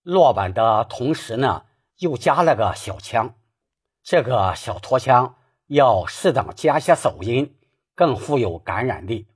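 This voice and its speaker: A man's voice: mid-range voice, very animated, a little slow, slightly rough. A man giving a spoken Peking opera singing lesson, patiently explaining technique step by step.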